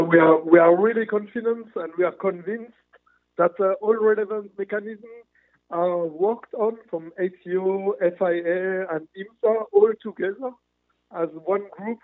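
A man's voice: sits high, expressive, normal speed, dry recording. Earnest man on a tinny phone line. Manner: earnest, searching for words with restarts. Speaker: motorsport manufacturer executive guest. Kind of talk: remote interview answers.

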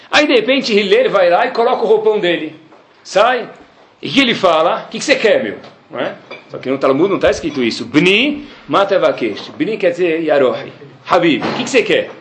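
A man teaching a Talmud class, telling the story animatedly and acting out the characters in quick voices. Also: a little high, fairly bright tone, echoey room. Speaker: Torah teacher giving a class.

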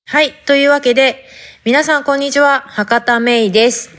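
A woman's voice: high-pitched, fairly even intonation, normal speed, fairly bright tone. Woman, Hakata dialect, podcast host, informal storytelling, faint background music. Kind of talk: casual podcast monologue.

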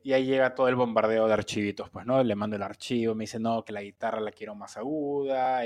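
A man with a middling pitch explains studio mixing and mastering in a patient, step-by-step way. He fills his pauses often and checks in with short tag questions as he goes. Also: darkish tone. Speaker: mixing engineer. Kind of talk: explanatory talk.

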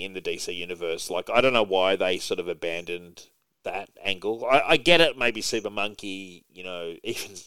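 A man hosting a casual comics podcast, talking in an animated way with frequent fillers and some swearing. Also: low voice, clean tone, no echo. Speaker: podcast host.

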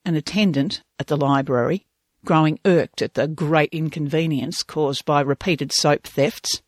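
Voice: mid-range voice, no echo. Scripted narration, wry humour, theatrical quote readings, dead-dry room. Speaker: radio history storyteller.

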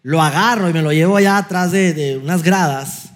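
A middle-aged man with a Mexican accent, preaching a sermon as an animated storyteller who acts out dialogue with light self-mocking humor. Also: fairly high pitch, a little fast.

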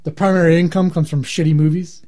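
A man's voice: fairly high pitch, fairly even intonation, fast, warm tone. A man co-hosting a movie podcast in casual banter, dry and offhand, sometimes hesitant. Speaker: podcast co-host.

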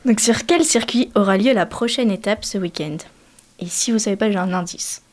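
A woman's voice: mid-range voice, normal speed, slight background noise. Female quiz host, casual, gives hints, laughs easily. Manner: asks questions, gives hints, laughs often. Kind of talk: casual sports quiz chat.

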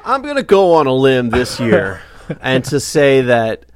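A man co-hosting a podcast in casual chat, with a measured delivery and dry, deadpan jokes. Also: mid-range voice, no echo. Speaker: podcast co-host.

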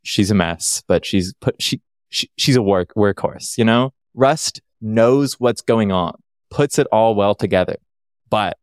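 A man's voice: fairly low pitch, unhurried, clear, resonant tone, dry recording, clean studio sound. A man from Canada chatting as a podcast guest, rambling and joking at his own expense. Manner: rambling, self-deprecating, jokey. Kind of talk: casual chat.

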